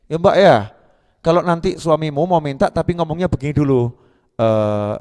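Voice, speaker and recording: A man preaching to a gathering, his colouring a loose, chatty delivery. His voice sits a little high, and he teases the listeners and clips words before restarting them. A long reverb hangs in the hall behind him. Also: brisk, darkish tone. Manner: conversational, teasing the audience, restarts words mid-syllable. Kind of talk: sermon to a live gathering.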